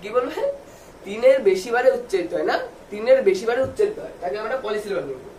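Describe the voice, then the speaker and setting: A man giving a video lesson for students, spelling words out slowly letter by letter and asking questions he answers himself. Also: high-pitched, expressive, a little mellow. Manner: asks the viewers questions and answers them himself. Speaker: English tutor. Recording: echoey room, distant mic, faint background noise.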